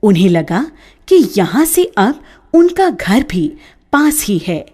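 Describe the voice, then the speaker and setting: A woman tells a children's story in a scripted storybook manner, her mid-range voice expressive and lilting as she takes it slowly.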